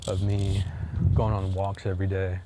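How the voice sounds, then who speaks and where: A man's voice: low voice, monotone, moderate pace. A man vlogging outdoors on a walk, talking in a rambling, hesitant way full of fillers and restarts. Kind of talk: casual chat while walking. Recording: loud wind noise on the mic.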